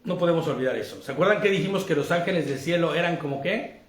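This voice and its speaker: High-voiced Mexican man leading Bible study. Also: fast talker, roomy sound. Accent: Mexican Spanish. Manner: questioning, checks in often with his listeners; laughs easily while teaching. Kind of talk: interactive Bible study lesson.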